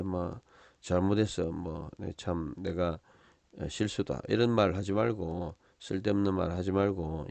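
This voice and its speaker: A man teaching a Bible lesson on Hebrew words, explaining each one slowly with many fillers and tag questions. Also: low voice, gravelly, warm tone, no room sound.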